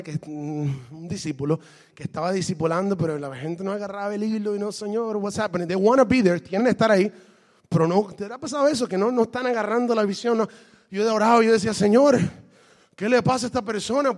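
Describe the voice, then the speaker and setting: High-voiced man preaching in a reverberant hall. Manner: lively preaching that mixes Spanish and English; asks the congregation questions. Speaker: pastor. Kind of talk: sermon.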